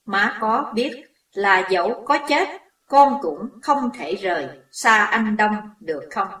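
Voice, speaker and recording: A woman's voice: mid-range voice, expressive, slow, fairly bright tone. A woman voicing a distraught young woman who is grieving and furious, recorded in a roomy space away from the mic. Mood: anguished accusing. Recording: roomy echo, distant mic.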